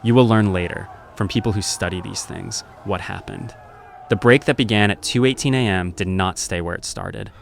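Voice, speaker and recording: A man narrating a scripted story in second person, in a measured, grave and deliberate way. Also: lowish voice, creaky, slight background noise.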